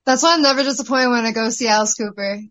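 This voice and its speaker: A woman with a high voice co-hosts a podcast. She talks with enthusiasm and swears freely. Her sound is dull and lo-fi. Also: quick pace, fairly bright tone. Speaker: podcast co-host. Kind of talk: casual podcast chat.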